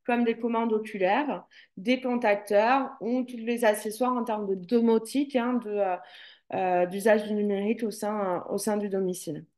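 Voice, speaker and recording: A woman's voice: medium pitch, steady tone, moderate pace, darkish tone. Woman presenting a webinar, hesitant. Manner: hesitant, many fillers and restarts. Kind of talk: online presentation.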